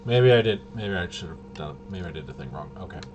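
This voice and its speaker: A low-voiced man speaks briskly with lively intonation while running a tabletop game demo. His casual commentary is thinking aloud, muttering and puzzled self-questioning, heard over a clearly noisy background.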